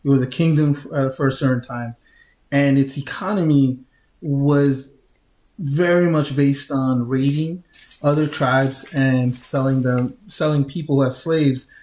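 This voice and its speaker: A man co-hosting a podcast, explaining in a measured way, often repeating words as he starts. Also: medium pitch, a little mellow. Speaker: podcast co-host. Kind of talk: casual chat. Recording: echoey room.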